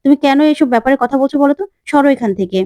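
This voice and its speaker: A woman's voice: on the high side, animated, fast talker, warm tone, no room sound, lightly acted. A woman as a tense young woman with a secret.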